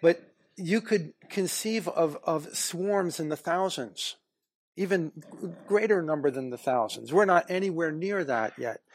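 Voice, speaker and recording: Halting man explaining as a panelist. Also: a little high. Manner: halting, many restarts and fillers. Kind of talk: expert discussion.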